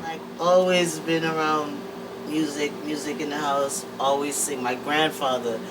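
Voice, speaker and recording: A woman from Trinidad and Tobago speaks in a low voice with a steady tone and measured pace. She's an interview guest in a music production room, chatting easily but hesitantly with many fillers. The mic is distant, and air-conditioning hum is audible.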